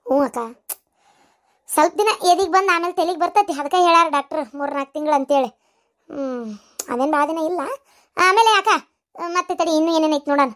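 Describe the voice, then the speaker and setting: A woman voicing chatty village women in a comic cartoon, with a North Karnataka Kannada accent and a shrill, exclaiming manner. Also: fast talker, long pauses, a bit bright. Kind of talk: cartoon voice acting.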